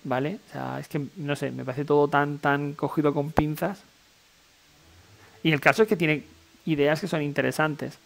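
A man's voice: on the high side, fairly even intonation, normal speed, creaky, slight background noise. A man with a Castilian Spanish accent giving casual gameplay commentary, informal and thinking aloud. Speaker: video game player and commentator. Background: game music.

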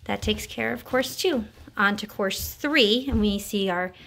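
Casual mom voice, unhurried cheerful tour guide, mid pitch, home video feel. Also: female voice, gravelly, a bit bright. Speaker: parent filming a tour. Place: living room at home. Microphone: handheld camera.

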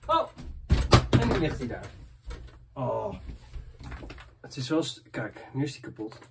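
A man's voice: mid-range voice, big pitch swings, unhurried, vocal fry, very noisy. A young man vlogging and answering viewer messages in loose, rambling casual chat, often dropping filler tags.

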